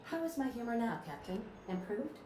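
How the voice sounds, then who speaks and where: A woman's voice: on the high side, big pitch swings, moderate pace. A woman voicing a polite female ship's computer AI that speaks in dry, precise, machine-like phrasing. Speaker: ship's artificial intelligence. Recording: roomy game audio with background noise.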